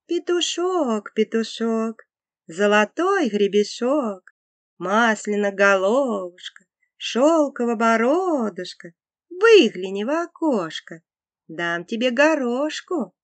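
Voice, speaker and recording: A sly storybook vixen, played by a woman croons her lure in a raised, lilting voice. She stretches her words slowly and coaxingly. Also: sits high, animated, no room sound, voice pushed up. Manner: sing-song, drawn-out coaxing. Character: sly, coaxing female fox singing to lure prey.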